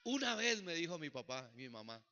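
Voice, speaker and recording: A male pastor preaching a sermon with personal testimony, swinging from shouts to soft, dramatic lines. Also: on the high side, big pitch swings, brisk. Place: church sanctuary. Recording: dull lo-fi church recording.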